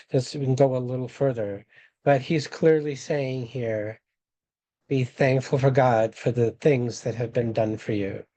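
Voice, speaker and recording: Man, webinar presenter, slow measured reading, mellow dark tone, scripture study. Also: mid-range voice, low-quality recording. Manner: measured, reads quotations slowly and deliberately.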